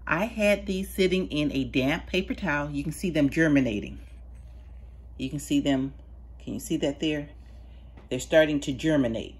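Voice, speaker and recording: Speaking at a moderate pace in a low voice, a home gardener casually shows seed starting from her sunroom. She's chatty and patient, explaining things in a homey way while her hands do the work.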